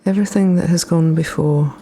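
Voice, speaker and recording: A woman leading a guided meditation in a soft, breathy, often near-whispered voice, soothing and gently instructing with unhurried pauses. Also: low voice, fairly even intonation. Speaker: guided relaxation practitioner.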